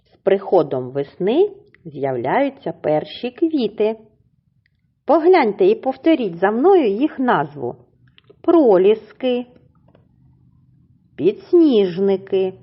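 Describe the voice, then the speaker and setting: A woman teacher with a husky voice, giving a slow, clearly enunciated reading lesson to young children and drawing out words syllable by syllable. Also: medium pitch, sing-song, lo-fi sound. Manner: syllable-by-syllable drawn-out pronunciation, encouraging. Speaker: primary school teacher.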